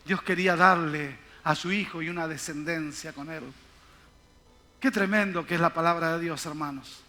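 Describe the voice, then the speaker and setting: A man's voice: on the high side, moderate pace, sharp tone. An older man, a pastor, preaching a sermon to his congregation in an emphatic, repetitive way. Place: church service.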